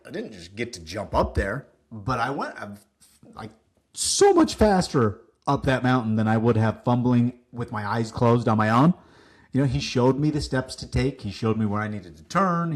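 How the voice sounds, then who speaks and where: A man telling stories as a guest on a business podcast, lively, acting out what people said, with some casual swearing. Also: mid-range voice. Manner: animated, acts out quoted dialogue, casual swearing. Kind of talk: casual interview storytelling.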